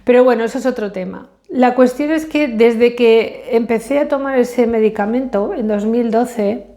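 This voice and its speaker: Speaking at a normal speed in a warm, somewhat high voice, a middle-aged woman vlogs to the camera. English is her native language, and her casual personal monologue is hesitant, full of fillers and corrections to herself.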